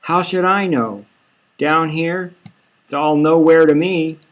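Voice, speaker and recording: A man's voice: steady tone, poor audio. A man reading a novel aloud, voicing a frightened, tearful young woman who snaps back defensively. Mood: upset, snappish. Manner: shrill and defensive, quick retorts. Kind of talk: audiobook character voice.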